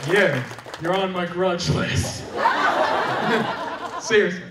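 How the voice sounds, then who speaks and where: A man, a fan at a convention panel, nervous and excited as he asks a question. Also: high-pitched, very slow, heavy background noise. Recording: echoey hall, far from mic, loud crowd.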